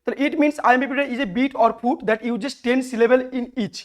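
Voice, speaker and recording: A woman with a fairly high voice and a Bengali accent teaches in plain lecture style. She goes through each point step by step, asks her own questions and then answers them. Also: steady tone, slow. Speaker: English literature teacher. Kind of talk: classroom lecture.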